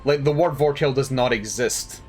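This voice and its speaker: A man's voice: mid-range voice, normal speed, soft background music. A tired man chatting casually while streaming a game, rambling and laughing at himself. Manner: rambling, laughing, self-deprecating.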